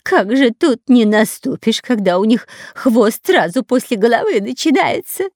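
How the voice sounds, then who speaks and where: A woman's voice: fairly high pitch, animated, normal speed, a little mellow, no room sound, studio quality, pitched above the performer's own voice. A woman voicing a cowardly long-nosed male spy who wails and stammers. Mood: whimpering. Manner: wailing, squealing, stammering.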